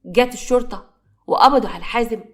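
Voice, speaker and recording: Fast-talking Egyptian woman storyteller. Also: fairly high pitch. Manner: brisk, dramatic. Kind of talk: dramatic story narration.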